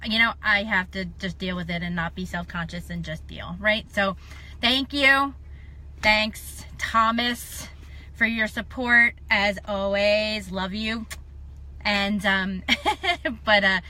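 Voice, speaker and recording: Bright and forceful, the mid-range voice belongs to a middle-aged woman who jokes at her own expense while casually chatting on a live stream. A dental appliance leaves her with a slight lisp.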